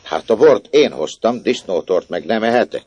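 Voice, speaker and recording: A man's voice: fairly low pitch, lively intonation, a little mellow, husky, pitched above the performer's own voice. A man voicing a shy, simple little orphan girl in a story reading. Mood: plain.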